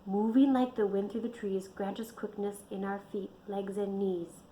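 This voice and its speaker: A woman's voice: mid-range voice, steady tone, normal speed, dark tone, slight background noise, lightly acted, poor audio. A woman voicing a young girl who leads her friends in chanting a rhyming spell, for a storybook reading. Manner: chanting a rhyme.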